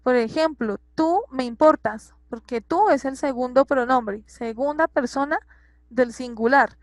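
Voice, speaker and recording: Patient high-voiced woman teaching grammar. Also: unhurried, no room sound. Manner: patient, repeats and checks understanding. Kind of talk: classroom grammar lesson.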